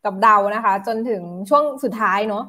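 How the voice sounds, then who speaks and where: A woman's voice: fairly high pitch, a little fast, bright, forceful tone. A woman co-hosting a casual live stream in an informal, conversational way. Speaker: co-host.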